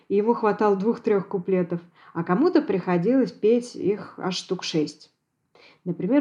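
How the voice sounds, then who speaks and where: Measured woman giving a scripted lecture. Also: medium pitch, mellow. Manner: measured, precise academic delivery. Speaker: Yiddish language expert.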